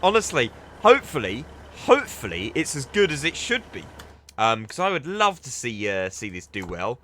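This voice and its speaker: A young gaming video creator chats enthusiastically while playing a train simulator, often restarting his sentences. His medium-pitched voice swoops wildly and sounds a bit bright at a normal speed. There's a little hiss or hum in this casual gameplay commentary.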